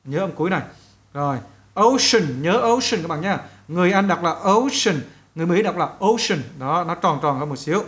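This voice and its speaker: A man teaching an English listening lesson to students. He explains step by step and models each English word slowly, repeating it several times. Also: fairly high pitch, fairly bright tone.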